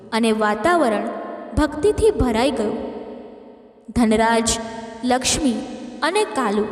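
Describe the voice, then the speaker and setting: High-voiced woman narrating a devotional tale. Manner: steady, measured storytelling. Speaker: storyteller. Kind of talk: scripted narration. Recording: echoey room with long reverb.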